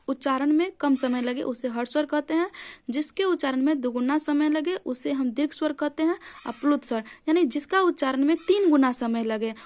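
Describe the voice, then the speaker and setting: A woman's voice: high-pitched, a little mellow. A woman teaching a grammar lesson for exam preparation, explaining step by step and answering her own questions.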